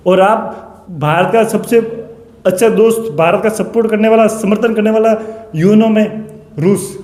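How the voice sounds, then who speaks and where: A man with a high, slightly mellow voice speaks unhurriedly as he delivers a passionate, repetitive rebuttal, sarcastically addressing someone directly. He is a coaching teacher, and the echoey room adds long reverb.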